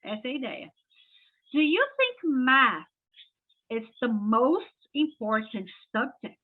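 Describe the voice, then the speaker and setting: A woman's voice: on the high side, big pitch swings. Brazilian woman teaching, tinny phone-like sound. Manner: chatty, explains with frequent "né?" and "tá?", says English examples slowly and clearly. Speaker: English teacher. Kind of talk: casual explanatory lesson.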